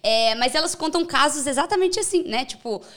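A woman with a Brazilian accent hosting a casual interview, conversational and quick to agree. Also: high voice, animated, a bit bright. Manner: conversational, frequent agreeing fillers. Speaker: interview host.

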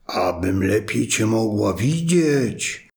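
A man voicing a sly, hungry male wolf in a read fairy tale, with a slow, coaxing manner. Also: lowish voice, expressive, darkish tone.

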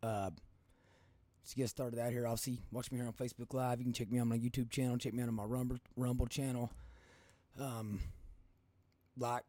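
A man with a Kentucky accent and a hoarse smoker's rasp, hosting a casual podcast in a folksy, rambling, colloquial way. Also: mid-range voice, level tone, fairly quick, pauses often, dark tone, no echo. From Kentucky, United States. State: hoarse from coaching. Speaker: podcast host.

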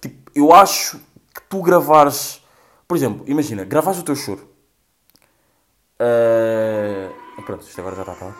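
A young man with a European Portuguese accent, talking casually as the host. He rambles, swears freely and mocks what he is showing, at an ordinary middle pitch. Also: moderate pace, long pauses. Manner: profane, rambling, mocking. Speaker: host reacting to social media clips. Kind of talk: casual commentary.

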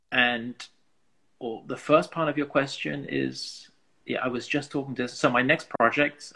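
A man from England with an English accent and a gravelly, slightly husky voice, talking earnestly and reflectively as an interview guest, working out thoughts in broken phrases. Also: on the low side, bright, forceful tone, rough recording. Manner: earnest, searching, thinks aloud in broken phrases. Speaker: interview guest, musician and artist.

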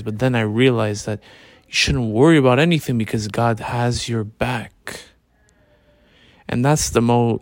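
Relaxed man lying down, flat even delivery. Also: mid-range voice, dry recording. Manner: informal slangy talk with swearing. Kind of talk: casual spoken late-night monologue, reflective. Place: in bed at home.

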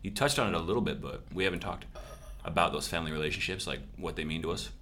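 A man's voice: low voice, fast talker, sharp tone. A man co-hosting a casual podcast, teasing and laughing with friends. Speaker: podcast co-host.

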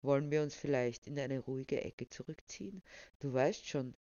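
A big, broad-shouldered man, calm and teasing, who makes a bully squirm, as a narrator puts him on in a storybook reading. His voice is lowered and unhurried, and the recording is dull and dry. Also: no room sound, lightly acted.

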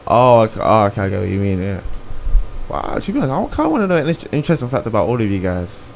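A man's voice: on the low side, quick pace. A young man with a London accent hosting a casual, slangy interview full of banter. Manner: animated, slangy. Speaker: interviewer, host. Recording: faint background noise.

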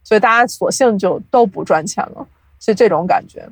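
A young adult woman, an audio drama producer, appears as a podcast guest and chats casually, explaining things from her own experience. She tells stories animatedly with self-deprecating humour, speaking briskly in a mid-range voice with no echo.

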